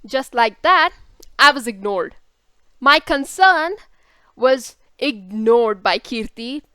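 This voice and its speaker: A woman's voice: a little high, expressive, slow, bright, forceful tone, clean tone, no echo. A woman telling a true story in a storytime vlog, dramatic and repeating words for effect.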